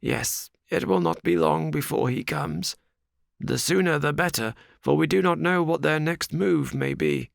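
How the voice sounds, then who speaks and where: A man voicing a furious old farmer who shouts at his daughter's unwanted suitors. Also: on the high side, sing-song, unhurried, creaky, no room sound, clean studio sound, pitched above the performer's own voice, heavily acted. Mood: agitated. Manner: shouting, sardonic. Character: furious old male farmer, fierce father.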